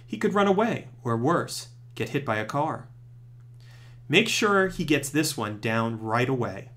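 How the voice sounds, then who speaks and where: A man presenting scripted training tips, giving clear step-by-step instructions as a narrator. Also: medium pitch, very animated, measured pace, a bit bright.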